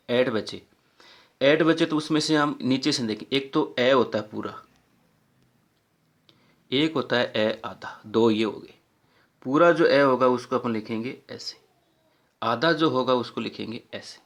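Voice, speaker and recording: A man's voice: medium pitch, unhurried, pauses often. A man teaching a casual phonetics lesson, patiently explaining and repeating vowel sounds aloud.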